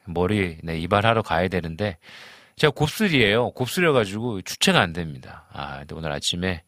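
A pastor in his forties hosts a live stream, reading viewer comments aloud and chatting casually. His low voice is sing-song at a moderate pace, recorded dry in studio quality, and he's chatty with warm greetings, lots of fillers, and frequent chuckles.

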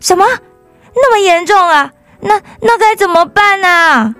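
A woman reading a storybook aloud and voicing a bold, curious young girl who exclaims loudly. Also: high voice, measured pace, dry recording, faint music behind, pitched above the performer's own voice. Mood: startled. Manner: loud, excitable and exclaiming.

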